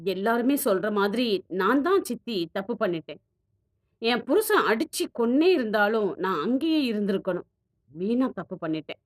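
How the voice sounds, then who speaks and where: A woman's voice: mid-range voice, lively intonation, moderate pace, lightly acted. A woman voicing a distressed young woman who blames herself tearfully in an audio story. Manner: tearful, self-blaming.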